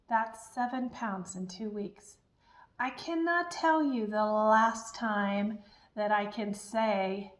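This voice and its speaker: Woman, slightly high pitch, casual vlog chat, upbeat, encouraging, very echoey room. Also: a bit bright. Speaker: diet vlogger. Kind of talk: casual chatty vlog talk.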